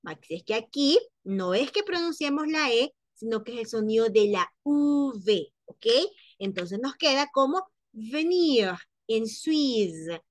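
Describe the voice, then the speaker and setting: Woman, French teacher, slow deliberate delivery, drills words by repetition, dry recording. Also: a little high, no room sound. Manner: slow, repeats words for students to copy. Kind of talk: pronunciation lesson.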